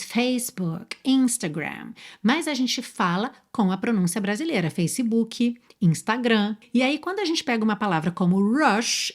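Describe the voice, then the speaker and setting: Brazilian woman teaching English, slow and clear. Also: mid-range voice. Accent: Brazilian Portuguese. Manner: explains patiently, slows and spells out words, asks the viewer questions. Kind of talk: online English lesson.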